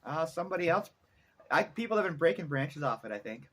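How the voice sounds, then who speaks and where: A man's voice: a little high, big pitch swings, fairly quick, fairly bright tone. A middle-aged man talking casually in a vlog, rambling and thinking aloud as he goes. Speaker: vlogger, musician. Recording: noticeable background noise, ambience.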